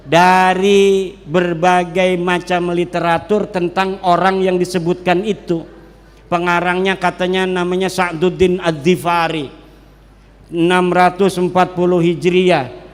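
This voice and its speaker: Man, cleric lecturing in a large hall, high voice, joking, long hall echo. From Banten, Indonesia. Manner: joking, lively, drops into regional dialects. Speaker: Islamic cleric speaking at a public gathering. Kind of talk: public religious lecture.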